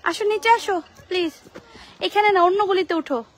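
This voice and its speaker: A young woman, vlogging at an outdoor playground. She calls anxious warnings to her child and then speaks softly to her viewers. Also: very high voice, normal speed. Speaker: vlogger and mother. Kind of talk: casual family vlog.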